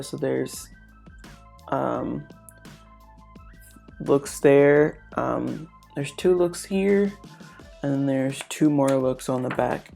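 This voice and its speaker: A young woman beauty vlogger with a deep, gravelly, stuffed-up and congested voice chats casually through a makeup tutorial at home. She's relaxed and chatty, using lots of fillers.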